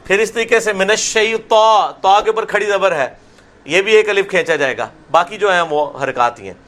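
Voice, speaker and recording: A middle-aged man gives a lesson on recitation in a bright, forceful voice. He explains each sound carefully, then draws the words out slowly for his listeners to repeat, dropping into asides now and then. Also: sits high. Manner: slips into Punjabi asides. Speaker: religious lecturer teaching prayer recitation. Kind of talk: classroom lesson with slow drawn-out recitation.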